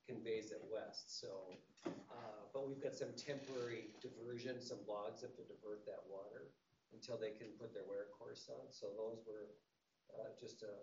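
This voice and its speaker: Guy with a gravelly voice giving his inspector report, lots of uhs, far off in an echoey room. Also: mid-range voice, noisy background. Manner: halting, lots of "uh" pauses. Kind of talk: spoken report at a meeting. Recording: muffled, roomy, distant from the mic.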